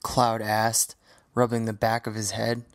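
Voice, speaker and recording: A man narrating a fan audio drama as a storybook reading in a steady, even manner. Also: on the low side, unhurried, no room sound, clean studio sound. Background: faint music.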